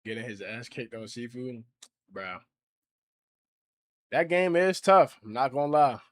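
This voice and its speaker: Young male streamer in his twenties, loose and slangy, mid-pitched voice, talks back to chat. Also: animated, measured pace. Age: 20s. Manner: slangy, reacts to and reads out viewer chat. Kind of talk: casual livestream chat.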